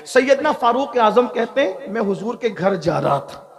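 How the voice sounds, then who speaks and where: High-voiced impassioned preacher. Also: male voice, very animated, moderate pace, vocal fry. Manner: repetitive, emphatic, addresses the audience. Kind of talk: impassioned sermon storytelling. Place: live religious gathering.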